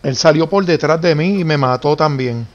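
A man's voice: a little high, normal speed, dull audio. A man chatting casually with other players during an online role-play game. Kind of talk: casual gaming chat.

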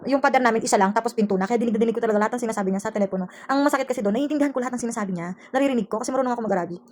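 Woman from the Philippines, domestic worker vlogging; quick, slightly high, aggrieved storyteller. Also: a little hiss or hum. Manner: rapid, aggrieved recounting. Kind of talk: casual storytelling vlog. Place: employer's house indoors.

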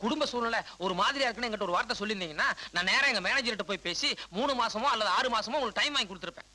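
A fussy, glib film loan officer, with a high and very sharp voice. He talks fast and pleadingly, sprinkling in English words. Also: exaggerated voice. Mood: earnest, reproachful. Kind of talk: film comedy-drama acting.

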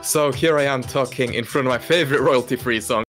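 A young adult British man, a tech tester, runs through an unscripted product demo with dry humor at his computer desk in a small carpeted bedroom. He talks briskly in a mid-range voice with a fairly bright tone, with faint music behind him. The microphone varies: desktop, laptop, or phone.

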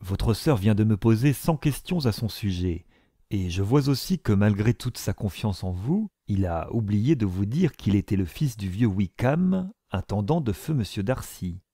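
A man's voice: lowish voice, sing-song, normal speed, warm tone, dry recording, studio quality. A man voicing a haughty, scornful young society lady who speaks with polite disdain. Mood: disdainful.

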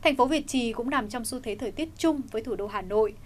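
A woman presents the weather forecast in an even, formal newsreader delivery. Her voice sits a little high, and she reads every figure and region in a measured, scripted way. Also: slight background noise.

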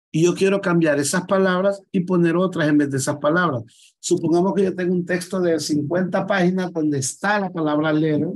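A man with a slightly higher voice leads a live computer class, calmly going through each step on screen. He repeats himself and checks in with his students to make sure they follow. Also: rough recording. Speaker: computer skills teacher. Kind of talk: live online class, explaining screen steps.

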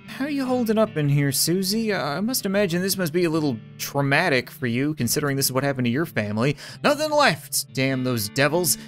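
Animated man doing game commentary over guitar music. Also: fairly high pitch, fast talker. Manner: theatrical, wry asides. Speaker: gaming video host. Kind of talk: game playthrough commentary, reading text aloud.

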